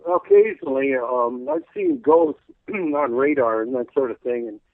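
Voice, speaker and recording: A man calling in as a radio guest, rambling folksily with lots of "you know," clearing his throat as his voice wears out. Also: medium pitch, big pitch swings, normal speed, no echo. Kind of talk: casual call-in radio interview. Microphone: telephone. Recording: tinny phone line.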